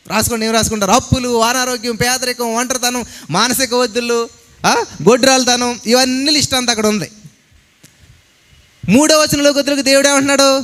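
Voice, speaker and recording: A man preaching a sermon in a church, lively and acting out quoted conversations. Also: very high-pitched. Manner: animated, mixes English words, acts out quoted dialogue. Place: church hall. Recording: long hall reverb.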